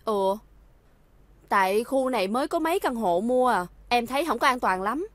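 An actress playing a jealous, sharp-tongued young fiancée, needling and confrontational. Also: female voice, a little high, lively intonation, normal speed, dry recording, close to an everyday voice.

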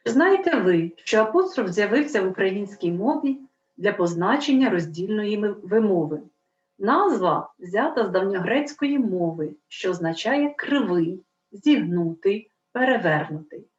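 Woman teacher, primary school lesson, slow deliberate spelling of sounds, echoey room, muffled lo-fi sound. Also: mid-range voice, expressive. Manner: slow, clear dictation of sounds and letters.

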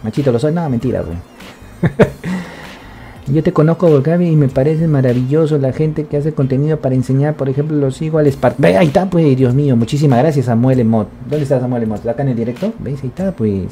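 Excitable male streamer, very dark voice, rambling swear-heavy chat over faint music. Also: medium pitch, quick pace. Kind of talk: casual live-stream chat.

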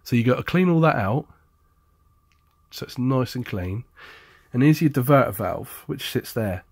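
Chatty tradesman, mid-pitched, blunt and jokey with some sarcasm, recorded close and dry for a DIY repair demo. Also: lively intonation, normal speed, creaky, darkish tone, husky, dry recording. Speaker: appliance repair technician. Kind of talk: casual how-to demonstration.

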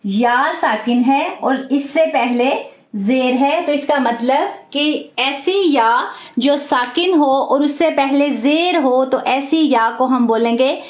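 A woman teaching Quran recitation rules, explaining each rule patiently, repeating it step by step and praising her students warmly. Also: sits high, slow pace, roomy sound. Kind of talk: tajweed lesson.

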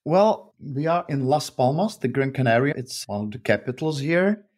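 A man from the Czech Republic speaks English as a guest on an interview podcast, where he's an author and freelancer. He's friendly and talkative, often saying "uh" and restarting sentences, with a medium-pitched, expressive, slightly dark voice at a normal pace.

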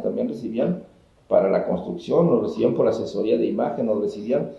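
A middle-aged man from Mexico, a government communications official, giving steady, explanatory answers in an interview, building his points as lists. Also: mid-range voice, creaky. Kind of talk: measured political interview answers. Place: indoor office with wooden cabinets. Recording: roomy, slightly dull office sound.

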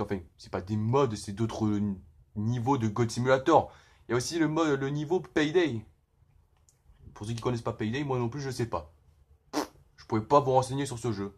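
A young man giving casual, excitable let's-play commentary, full of slang and outbursts at the game. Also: medium pitch, a little fast, slightly rough, faint music behind. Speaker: gaming youtuber.

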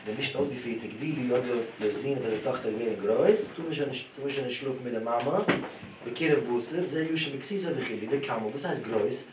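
A man giving a Talmud lesson, animated, his voice rising and dropping sharply as he tells the stories. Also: mid-range voice, brisk. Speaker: Talmud teacher. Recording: echoey room, voice from a distance, clear background noise.

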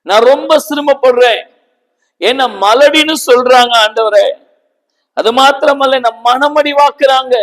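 A male preacher acting out a grieving childless woman who pours out a desperate, pleading prayer. The voice sits high and moves slowly, and a long reverb trails behind each phrase. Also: a bit bright. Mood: tearful pleading.

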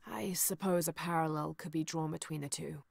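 A calm, curious archaeologist-adventurer, her low voice gravelly at the edges. She talks in a measured, thoughtful way, like a video game lead musing over ruins. Loud game sound effects rumble under her lines. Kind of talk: game character dialogue.

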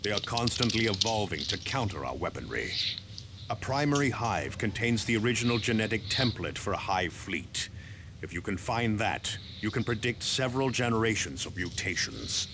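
A man's voice: fairly low pitch, big pitch swings, normal speed, background noise. An actor playing a stern male space warrior officer in a game cutscene, speaking in a formal, grave briefing tone. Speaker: game character.

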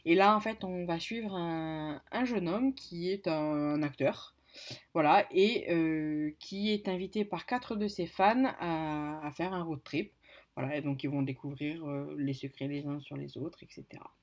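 A woman's voice: low-pitched, unhurried. Hesitant woman chatting about books. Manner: hesitant, many fillers and self-corrections; apologetic about pronunciation. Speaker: book vlogger. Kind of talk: casual book haul chat.

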